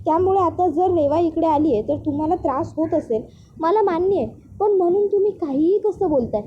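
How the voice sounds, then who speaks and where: A woman's voice: very high-pitched, fairly quick, phone-quality sound, a little hiss or hum. A woman voicing an earnest young wife in a spoken serial recap, in a pleading, reasoning manner.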